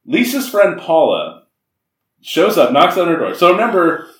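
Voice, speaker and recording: Animated man in an echoey room. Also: a little high, measured pace, distant mic. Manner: laughs often, animated and incredulous. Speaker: podcast co-host. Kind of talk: casual film review chat.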